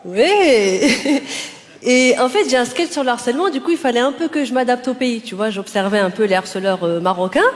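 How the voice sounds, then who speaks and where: Energetic woman doing live stand-up. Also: a little high, moderate pace. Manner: direct, energetic, addresses the audience. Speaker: stand-up comedian. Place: on stage before a live audience. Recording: live stage with loud crowd noise.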